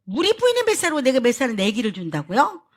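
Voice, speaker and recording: A woman's voice: high voice, huge pitch swings, fast, heavily acted. A woman voicing Abraham as a flustered, embarrassed old man, sighing and lamenting in a folksy way.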